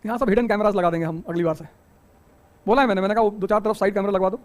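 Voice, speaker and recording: A middle-aged man teaching a coaching class, giving an animated motivational talk full of rhetorical questions and joking asides. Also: high voice, racing.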